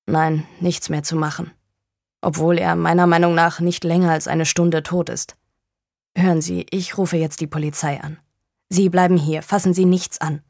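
A woman reading a brisk male country doctor in a spoken storybook, clipped and commanding in a low voice. The sound is close and dry. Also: level tone, a little mellow, no echo, lightly acted. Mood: curt.

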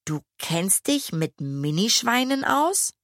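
A woman's voice: very animated, takes it slowly, a bit bright, no echo, studio quality, heavily acted. A woman reading a storybook, voicing a young girl who is upset and near tears as she chases a runaway pig. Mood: surprised. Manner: shrill, pleading, near tears.

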